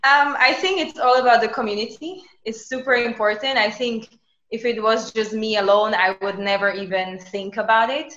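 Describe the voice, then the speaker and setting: A woman's voice: on the high side, normal speed. Chatty woman, echoey lo-fi sound. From Slovakia. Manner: lively and chatty, with many "you know" and "like" fillers. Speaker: guest. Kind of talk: casual interview chat. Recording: echoey, dull lo-fi remote recording.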